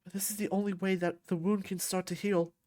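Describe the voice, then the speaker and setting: Soft-spoken male therapist, voiced by a woman, gentle, slow, soothing. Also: medium pitch, flat delivery, natural voice.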